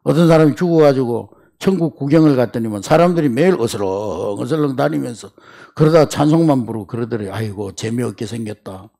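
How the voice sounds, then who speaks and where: A man preaching a sermon as pastor in a church, animated and storytelling, acting out voices in quoted asides. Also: medium pitch, fast talker, vocal fry. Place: church sanctuary.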